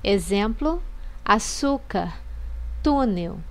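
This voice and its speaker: Slow, measured woman teaching Portuguese. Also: medium pitch, expressive. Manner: slow, measured, list-like reading. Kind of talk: scripted lesson narration.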